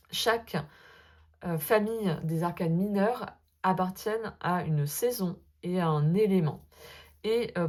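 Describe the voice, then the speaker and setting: A woman talking casually to her viewers about her tarot cards, full of hesitant fillers and gentle asides. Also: fairly low pitch. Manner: hesitant, many filler euhs, gentle and self-deprecating. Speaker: sophrologist and tarot vlogger. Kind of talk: casual spoken vlog, addressing viewer as tu.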